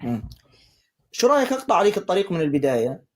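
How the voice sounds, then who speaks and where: Quick, husky-voiced male preacher. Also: high-pitched. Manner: calm, insistent, keeps telling the caller to calm down; quotes scripture in a slow recitation. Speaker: Islamic preacher debating callers. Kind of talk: live online debate.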